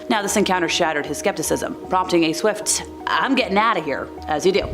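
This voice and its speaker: A woman reading scripted countdown narration, slipping in wry, casual, jokey asides. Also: mid-range voice. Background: background music.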